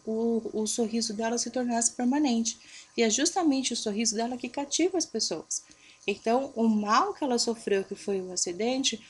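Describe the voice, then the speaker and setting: A young adult woman teacher going over homework answers for children, patiently checking in and drawing out stressed syllables to show them. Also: a little high. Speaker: primary school teacher.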